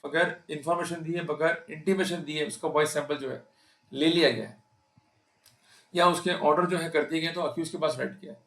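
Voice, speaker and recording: Talking straight to his listeners, an Indian-accented man explains law to camera in a blend of Hindi and English with emphasis. He speaks fairly quickly in a fairly high, steady, fairly bright voice, and the room echoes noticeably.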